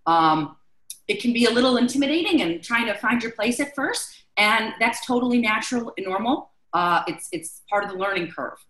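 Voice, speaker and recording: A woman's voice: a little high, lively intonation, normal speed, fairly bright tone, reverberant, rough recording. A woman chef instructor from Chicago leading a live online class, chatty and loose with many fillers.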